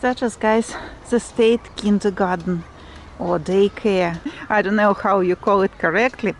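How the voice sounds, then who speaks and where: A Russian-accented woman vlogs while walking through a provincial town, chatting casually and explaining things haltingly as she hunts for English words. Her voice is mid-range, and clearly noisy street ambience with vehicles fills the urban outdoor background.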